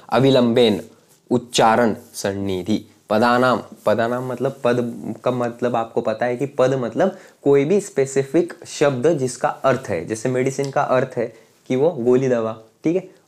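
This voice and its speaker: In a mid-range voice with a darkish tone, a young man delivers an explanatory lecture to camera. He uses everyday examples for every idea and keeps asking his viewers if they're following.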